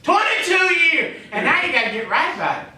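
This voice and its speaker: A male pastor preaching a sermon, swinging between loud emphatic calls and quiet asides, often saying "you know" and "amen". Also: very high-pitched, big pitch swings, rapid-fire. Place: church sanctuary. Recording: echoey church, mic at a distance.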